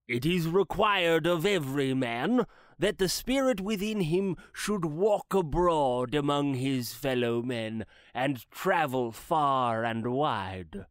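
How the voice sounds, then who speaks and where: An actor playing the solemn ghost of a dead old businessman who speaks in slow, grave, mournful pronouncements. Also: fairly high pitch, lively intonation, no echo, studio quality. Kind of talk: dramatized classic story reading.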